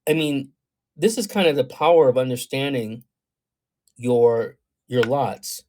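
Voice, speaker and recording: On a livestream, this man reads astrology for his audience, speaking at a medium pitch with a darkish tone over a rough recording. His delivery meanders and is thoughtful, peppered with ums and you-knows, while he reads out chat comments and responds.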